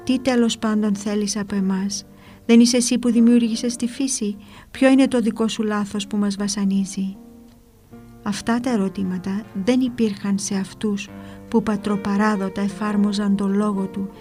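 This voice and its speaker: A woman narrating a religious book in a calm, measured, reverent reading. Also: medium pitch. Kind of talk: devotional reading over soft guitar. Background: soft guitar music.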